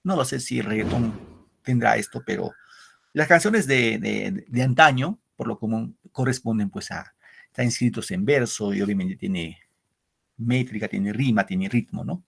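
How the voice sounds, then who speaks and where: A middle-aged male literature teacher giving an online class, explaining slowly with repetitions and frequent "¿no?" checks to his pupils. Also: fairly low pitch, gravelly, fairly bright tone, slightly rough. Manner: explains with repetition and asks "¿no?" often; addresses pupils as "queridos muchachos".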